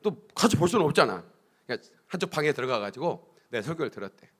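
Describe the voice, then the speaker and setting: A male pastor preaching a sermon in church, telling stories in a chatty way with frequent asides and building to shouted, sing-song climaxes. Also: a little high, very animated, fast talker.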